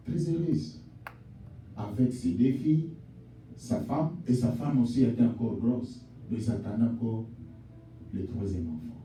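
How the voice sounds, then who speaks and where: A male pastor preaching a sermon in a church, swinging between shouted exhortation and low, quiet address, calling the congregation mother, father and sister. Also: recorded from a distance, slight background noise. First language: not English. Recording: echoey church hall, voice from off-mic.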